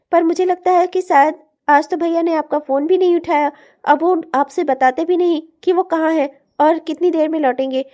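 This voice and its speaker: Woman as a married sister-in-law, cartoon drama, loud, chatty, high-pitched, mellow. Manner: loud, chatty, matter-of-fact. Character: talkative married sister of the husband.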